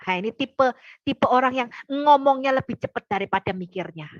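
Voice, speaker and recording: A high-voiced woman teaching the Bible in casual talk, blunt and joking, acting out the disciples' lines in shifting voices. The recording is dry and a little dull. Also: expressive, normal speed, dry recording. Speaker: preacher.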